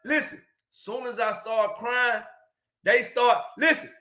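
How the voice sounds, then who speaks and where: In an echoey room, a man with a very high-pitched, slow voice speaks as a motivational speaker. He tells a personal story casually yet emphatically, often saying "man" and "listen," and grows louder at the peaks.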